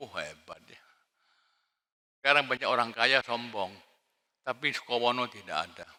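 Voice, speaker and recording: A male pastor preaching a sermon, swinging between shouted emphasis and quiet asides. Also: medium pitch, expressive, moderate pace. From Indonesia. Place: large church hall. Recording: long hall reverb.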